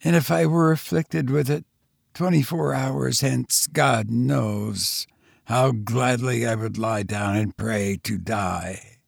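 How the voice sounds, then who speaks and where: Man reading a mourning woman, low deep voice, desperate pleading, slow words, gravelly edge, storybook. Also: fairly even intonation, no echo, clean studio sound, heavily acted. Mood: anguished. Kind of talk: audiobook character voice.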